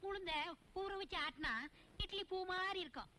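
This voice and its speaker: An actress playing a naive, tearful young village bride in comic film dialogue, speaking in a sing-song, whiny way. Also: female voice, extremely high pitch, normal speed, pushed and bright. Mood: chatty. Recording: film soundtrack with background noise.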